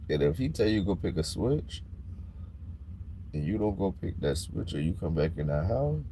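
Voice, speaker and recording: A man talking bluntly and casually on a livestream, growing animated when he gets worked up. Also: deep voice, moderate pace, slight background noise. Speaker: livestream host.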